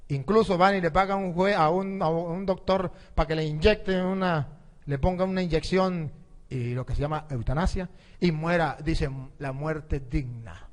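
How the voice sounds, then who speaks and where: A priest delivers a sermon in a fairly high voice. He tells stories and throws rhetorical questions at his listeners. A long reverb trails after his words. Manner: storytelling preacher, rhetorical questions to the congregation.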